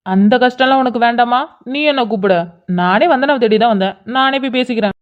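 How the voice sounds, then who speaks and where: A playful young college senior in a cartoon teases and needles with a grin. A woman puts him on. The voice sits fairly high with a dull, lo-fi sound. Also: a little fast, close to an everyday voice. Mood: teasing. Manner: playful, teasing.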